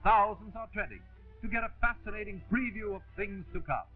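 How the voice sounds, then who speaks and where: A man's voice: high voice, brisk. A man narrating an old 1930s newsreel in a formal announcer delivery, heard from its old soundtrack. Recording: tinny old newsreel audio with music. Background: faint music.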